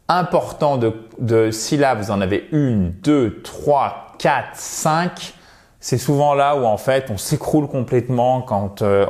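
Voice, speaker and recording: A man giving a video English lesson, explaining suffixes and stressed syllables and repeating example words slowly and carefully. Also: medium pitch. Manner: addresses viewers warmly as "chers amis". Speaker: English teacher.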